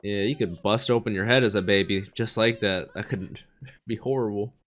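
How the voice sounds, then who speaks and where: A young male anime reaction streamer born in the United States offers casual commentary at normal speed, his voice raspy and hoarse from being sick. Excitable and chatty, he laughs often, speaking into a close studio mic on a boom arm with headphones in a small bedroom studio.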